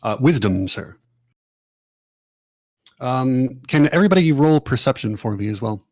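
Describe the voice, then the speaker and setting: A man's voice: mid-range voice, lively intonation, measured pace, darkish tone, no room sound, studio quality. A man running an online tabletop game as game master, narrating scenes and directing players in a casual way with some swearing.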